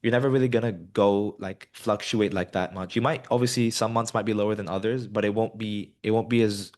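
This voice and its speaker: Brisk and on the low side, the voice belongs to a twentysomething Colombian man, a guest who studies business. He answers interview questions casually and rambles, dropping in many ums and you-knows.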